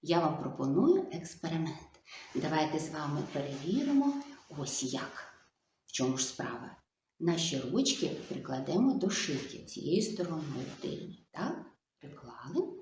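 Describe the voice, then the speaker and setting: A woman speech therapist giving a video lesson to young children, slow and coaxing, full of sing-song diminutives. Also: low-pitched, very animated, darkish tone, a little hiss or hum. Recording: echoey room.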